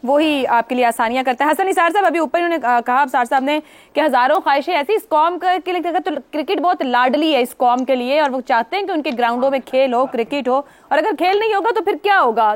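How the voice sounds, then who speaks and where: A woman hosting a television current-affairs talk show, speaking in a measured, formal way as she moderates and reads news. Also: sits high. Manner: measured, formal, agreeing interjections. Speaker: TV talk show host and anchor.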